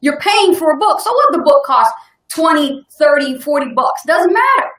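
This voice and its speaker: A woman's voice: high voice, big pitch swings, normal speed, a bit bright, echoey room. A woman co-hosting a live online business webinar, talking in an upbeat, emphatic motivational way and laughing often. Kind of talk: casual motivational talk.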